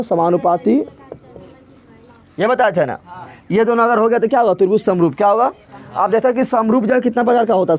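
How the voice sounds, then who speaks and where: A man's voice: high-pitched, darkish tone. A man teaching math to a live class, repeating key words three times and asking the class to echo them back. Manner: repetitive call-and-response questioning. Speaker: math tutor.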